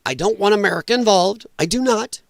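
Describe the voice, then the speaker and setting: A man hosts a political commentary livestream, delivering a casual monologue that is blunt and sarcastic, and he mocks opponents by putting on voices. His voice sits high and sounds brisk and gravelly, with no echo.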